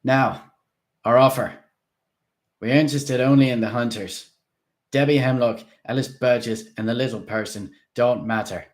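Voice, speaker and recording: A man voicing a calm, authoritative guard of a vampire lord who speaks in a formal, measured way. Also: mid-range voice, pitched above the performer's own voice, lightly acted. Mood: commanding.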